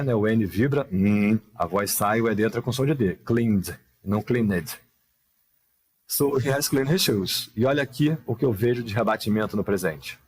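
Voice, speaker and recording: A man with a lowish, breathy-edged voice walks learners through English grammar in a live online session. Patient in his explanations, he asks many rhetorical questions and reads the English examples with slow care.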